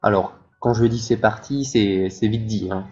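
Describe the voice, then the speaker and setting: A man's voice: lowish voice, normal speed, darkish tone, slightly rough, lo-fi sound, soft background music. A man hosting a let's play, commenting as he plays and thinking aloud with many hesitations. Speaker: gaming channel host.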